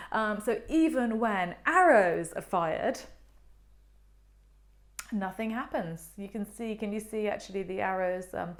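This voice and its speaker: A middle-aged woman giving a chatty, meandering online art history talk, full of ums and playful asides. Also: fairly low pitch.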